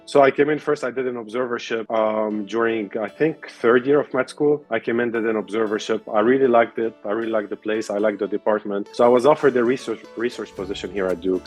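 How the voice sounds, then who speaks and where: A young man from Lebanon, a resident explaining his path as an interview guest with many fillers and restarts. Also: lowish voice. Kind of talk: casual interview answers.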